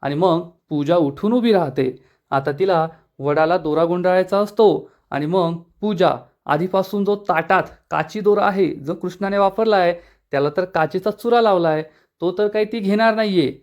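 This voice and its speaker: A man's voice: high-pitched, normal speed, darkish tone. Man narrating a TV serial recap. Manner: dramatic storytelling, quoting characters.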